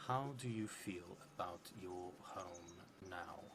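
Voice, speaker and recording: A man's voice: low voice, slow, heavy background noise. A man in his thirties narrating a solo tabletop role-playing game on a stream, reading prompts aloud and musing to himself. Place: indoor streaming setup in a theatre venue.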